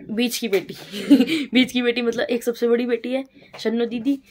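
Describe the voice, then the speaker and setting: Young woman vlogger, slightly high voice, chatty and teasing, casual home recording. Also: little pitch movement, brisk, darkish tone, a little hiss or hum. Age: young adult. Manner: chatty, teasing, addresses viewers directly. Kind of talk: casual home vlog chat.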